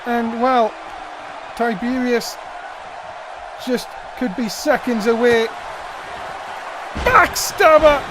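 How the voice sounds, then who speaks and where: A man giving excited wrestling play-by-play commentary with dramatic, exclamatory calls. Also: very high-pitched, slow, pauses often, crowd noise, noisy background.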